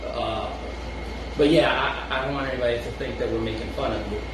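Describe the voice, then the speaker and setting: Speaking with a mid-range, steady tone at a brisk pace, a Brooklyn man co-hosts a chat show, rambling loosely with frequent restarts and chuckles. The distant, off-mic recording is noisy and very echoey.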